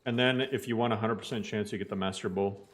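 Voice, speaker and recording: A man's voice: on the low side, steady tone, quick pace, background noise. A man from Bosnia chatting casually while streaming a game, playful and jokey, often mangling words on purpose for laughs. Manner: playful, jokey, mock mispronunciations. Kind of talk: casual gaming stream chat.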